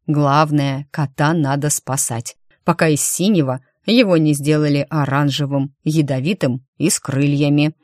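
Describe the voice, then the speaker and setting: A wry, teasing young man in an audiobook fantasy story, read by a woman in her own low voice. He jokes with a flat, dry delivery. The sound is close and dry. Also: no echo, lightly acted. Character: easygoing young blond man, joking.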